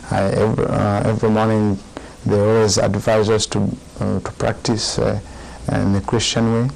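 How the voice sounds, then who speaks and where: A man in his forties from Uganda, a Buddhist monk giving a calm, deliberate dharma talk in short phrases. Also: fairly low pitch, gravelly, poor audio. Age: 40s. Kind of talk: slow, measured dharma talk.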